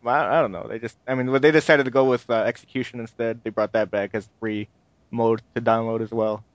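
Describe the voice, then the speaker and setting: A man's voice: medium pitch, steady tone, fast, no room sound. Easygoing guy on a gaming podcast, kinda dull dry sound, shrugs everything off. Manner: laid-back, trailing off with "I guess". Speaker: podcast co-host. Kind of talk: casual chat about video games.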